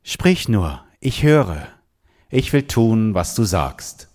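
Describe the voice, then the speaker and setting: A man's voice: fairly low pitch, very animated, slow pace, darkish tone, voice pushed up, exaggerated voice. Man doing an eager young boy, Samuel. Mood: earnest.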